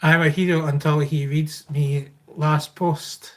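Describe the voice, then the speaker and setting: A man's voice: fairly high pitch, little pitch movement, slow pace, fairly bright tone. A man with a Scottish accent chatting casually and informally as a livestream host, rambling as he answers viewers. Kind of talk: casual live Q&A chat, reading and answering viewer comments.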